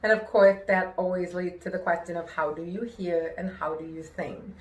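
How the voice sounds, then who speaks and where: Her voice fairly low and her speed normal, a New York woman who sings and hosts a show gives a personal, conversational talk in an echoey room. Hearing-impaired speech pushes her r sounds toward w, and she speaks expressively and emphatically with careful pronunciation and practiced inflection.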